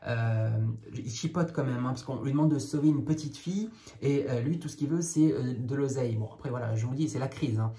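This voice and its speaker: Man, storyteller, read-aloud children's tale, wry casual asides, dark mellow tone. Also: mid-range voice, a little fast. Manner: casual, wry commentary between passages.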